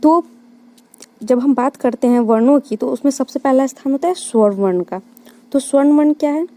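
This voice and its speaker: Female tutor, slightly high, mellow voice; exam-prep lecture, poses questions and answers them herself. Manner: explains step by step, answering her own questions. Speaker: Hindi grammar teacher.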